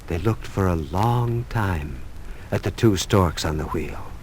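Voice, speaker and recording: A man narrating a children's story in a measured storytelling manner. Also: low-pitched, lively intonation, a little hiss or hum. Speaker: narrator and teacher. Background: music.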